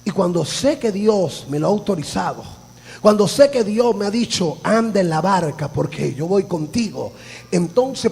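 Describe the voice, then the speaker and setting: A man preaching a sermon, fervent and often shouting, telling stories with laughter. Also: sits high, gravelly, husky. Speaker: pastor. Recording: long hall reverb.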